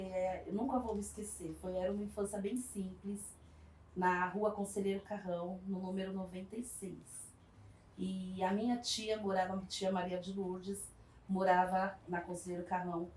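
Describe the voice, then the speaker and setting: In her 40s and from São Paulo, Brazil, this interviewee works on a community project and speaks in a mid-range voice as she recounts her life story. She tells it warmly and reflectively, with frequent pauses, small hesitations and tag questions. A distant mic in an echoey room picks up faint background noise.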